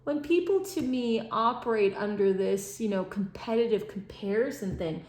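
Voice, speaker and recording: A woman talks loosely while doing a puzzle at home, rambling and tired, her speech full of fillers and restarts. Her voice sits at a middling pitch. The room gives it a noticeable echo. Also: moderate pace, darkish tone. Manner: rambling, chatty, self-interrupting with fillers; drops to mutters and whispers while working the puzzle. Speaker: puzzle channel host.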